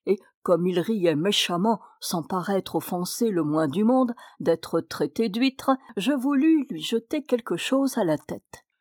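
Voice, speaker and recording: A woman narrating a classic tale in an expressive, measured audiobook reading. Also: medium pitch, no room sound, clean studio sound. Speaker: reader.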